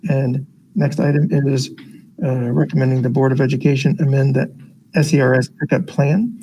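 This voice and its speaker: A man's voice: medium pitch, steady tone, normal speed, mellow, slightly rough, muffled recording. An American man talking through a face mask, formally reading agenda items aloud as he chairs a board meeting. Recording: noisy meeting room recording.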